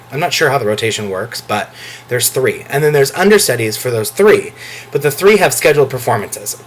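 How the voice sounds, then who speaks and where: Animated, gushing male vlogger. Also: slight background noise. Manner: gushing and emotional, on the verge of tears; animated, with sudden jumps into a high voice. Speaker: vlogger reviewing a show. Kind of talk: excited casual vlog talk.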